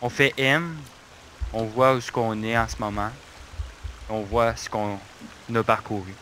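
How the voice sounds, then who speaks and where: A man's voice: lowish voice, steady tone, measured pace, sharp tone, a little hiss or hum. A man, casually chatting and joking while playing a game. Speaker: gamer co-host. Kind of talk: casual gameplay chat.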